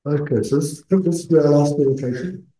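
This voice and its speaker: A man speaking as a Buddhist meditation teacher, giving earnest, measured spoken teaching with pauses mid-phrase. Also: fairly high pitch, warm tone. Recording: echoey room.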